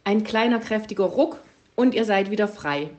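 A woman's voice: mid-range voice, expressive, normal speed, darkish tone, close to an everyday voice. A woman voicing a cheerful, helpful young female gnome in a children's story.

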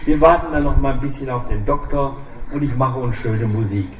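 A man voicing a calm, ruthless old gunman who threatens quietly. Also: medium pitch, brisk, lightly acted. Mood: cold calm. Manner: quiet, soft-spoken menace. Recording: echoey room, distant mic, faint hiss.

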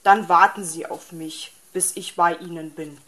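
A woman's voice: lowish voice, fairly even intonation, unhurried, a bit bright. A woman voicing a grumpy, lazy male fox in a storybook reading, irritable and grumbling.

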